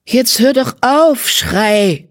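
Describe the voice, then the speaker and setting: A reader voicing a blunt, irritable dark red she-cat with a sharp, snappish way of talking. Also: mid-range voice, big pitch swings, moderate pace, dry recording, studio quality, voice pushed up, close to an everyday voice. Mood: irritated.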